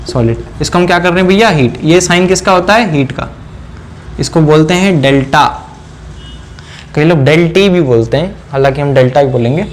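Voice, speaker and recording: A man teaching a whiteboard science lesson, asking questions and answering them himself, repeating key terms slowly. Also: high-pitched, slight background noise. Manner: mixes in English phrases, repeats key words slowly. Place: indoor room.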